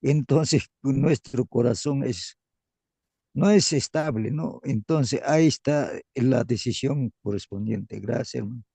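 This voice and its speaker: Gravelly husky man in Bible study. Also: medium pitch, slow pace, warm tone, no echo. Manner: brief comments, thanks the brother. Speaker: class member.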